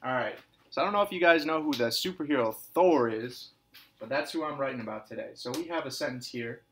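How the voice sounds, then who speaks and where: Man teaching a lively video writing lesson. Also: mid-range voice, brisk, a little hiss or hum. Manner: repeats each point, lively sing-song emphasis on example sentences; calls the children "scholars". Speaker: kindergarten and first grade teacher. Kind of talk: recorded video lesson for young children.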